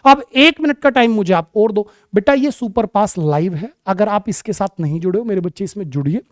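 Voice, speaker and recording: High-voiced man teaching English vocabulary. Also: dry recording, clean studio sound. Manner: affectionate, calls students "my child" and "beta"; drawn-out, deliberate spelling of words letter by letter. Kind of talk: exam-prep vocabulary lesson in Hindi and English.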